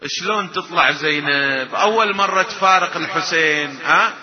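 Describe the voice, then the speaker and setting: A man's voice: on the high side, moderate pace. A man with an Iraqi accent giving a mourning sermon, moving between spoken address and sung, wailing laments and urging listeners to join him. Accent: Iraqi Arabic. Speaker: mourning preacher. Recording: dull lo-fi recording.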